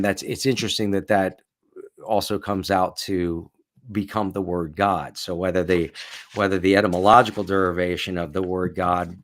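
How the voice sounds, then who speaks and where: A man hosting a reading stream, reading aloud and commenting in a rambling, hesitant way with many fillers. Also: low-pitched.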